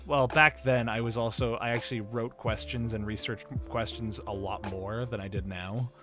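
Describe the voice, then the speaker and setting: A man's voice: mid-range voice, steady tone, normal speed, over music. A man hosting a livestream, chatting casually in a rambling, self-interrupting way. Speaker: stream show host.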